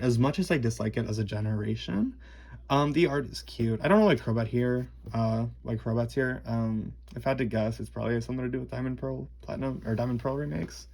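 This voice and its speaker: A young man with a lisp and a husky, creaky voice, rambling and halting through a casual, sweary show-and-tell. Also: medium pitch, a little mellow. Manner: rambling, halting, enthusiastic wording. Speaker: card collector presenting a collection.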